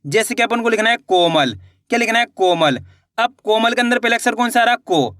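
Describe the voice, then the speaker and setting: A man teaching reading, sounding out each syllable slowly and then blending them into words, often repeating and asking the learner questions. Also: extremely high pitch, animated, fairly bright tone, dry recording, studio quality. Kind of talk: slow spelled-out reading lesson.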